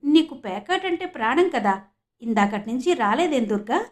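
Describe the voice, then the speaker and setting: A woman's voice: high-pitched, expressive. Woman voicing spirited young woman Uma. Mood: concerned. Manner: indignant, rapid questioning.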